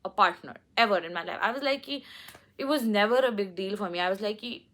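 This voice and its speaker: A woman's voice: mid-range voice, fast, fairly bright tone. A young woman with an Indian English accent, candidly telling a personal story to the camera and slipping between English and Hindi. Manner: candid, switches between English and Hindi, many "like" and "okay" fillers. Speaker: vlogger.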